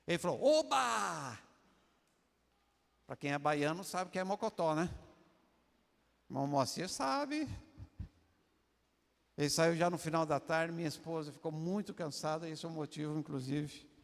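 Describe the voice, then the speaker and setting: A man's voice: on the high side, moderate pace, pauses often, in a large hall. An older man with a Brazilian Portuguese accent, a pastor telling a personal story in a sermon and addressing the congregation as brothers. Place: church.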